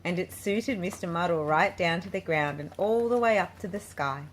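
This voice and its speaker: Reading a picture book aloud to kids, this storybook narrator speaks in a lowish voice at normal speed. She's a children's book reader and channel host, recorded at home with obvious background noise.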